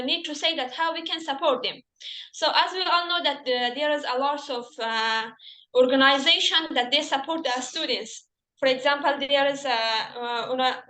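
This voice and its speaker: A young woman from Afghanistan, speaking, gives a halting webinar talk and searches for her words. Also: high voice, bright, forceful tone. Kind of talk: prepared talk. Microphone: video call. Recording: echoey room over a video call.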